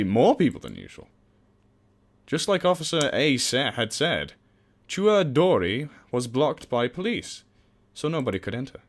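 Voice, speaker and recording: A young man with a mid-range voice casually reads a visual novel aloud for a let's play. He jokes and swears, mocking himself whenever he stumbles over words.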